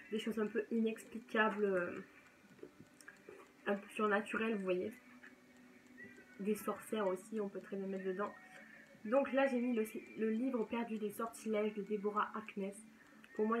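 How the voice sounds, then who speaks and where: A woman's voice: mid-range voice, slight background noise, low-quality recording. A young woman chatting casually and enthusiastically as a book vlogger, often correcting herself mid-sentence. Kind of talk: casual chat.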